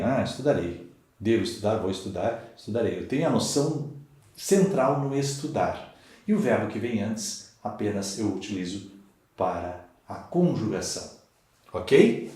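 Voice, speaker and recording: A Brazilian man teaching a Portuguese grammar lesson for exam prep, in a slow and emphatic way. He repeats key words and checks in with the class. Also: mid-range voice, darkish tone. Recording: echoey room.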